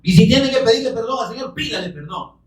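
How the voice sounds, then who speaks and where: A man preaching a sermon who bursts into shouting and presses listeners with rhetorical questions. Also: very high-pitched, animated, fast talker, roomy sound, distant mic, rough recording. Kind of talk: evangelical sermon.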